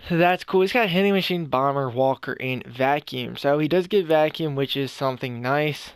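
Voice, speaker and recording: The speaker is a young gaming YouTuber whose smooth, slightly high voice carries loose game commentary at a moderate pace. He's a bit out of breath and keeps restarting and fixing his sentences. The sound is dry and studio-grade.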